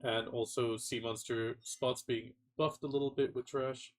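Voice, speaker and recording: A man's voice: mid-range voice, level tone, a little slow. Man, nasal cold voice, stuffy, casual patch notes rundown, trips over words. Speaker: gaming content creator.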